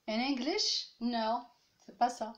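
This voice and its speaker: A woman's voice: a little high, animated, slow pace. A woman teacher giving a lesson, patiently repeating each letter and point many times. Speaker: language teacher. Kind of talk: classroom-style lesson.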